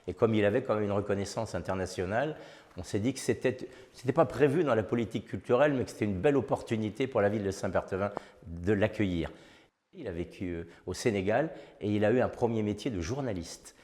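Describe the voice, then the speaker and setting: Low-voiced man, measured town official. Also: a little mellow. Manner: measured, with frequent hesitations and restarts. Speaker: town official in charge of culture. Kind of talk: explaining an exhibition to camera. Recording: long reverb with faint music behind.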